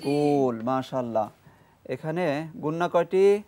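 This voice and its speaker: A man teaching Quran reading on a TV lesson, spelling out each letter and vowel mark and having a group of children repeat after him, now and then reciting the verse in a slow, drawn-out way. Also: on the high side, lively intonation, warm tone. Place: TV studio with a children's class. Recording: broadcast studio with a group of children. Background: children chanting along.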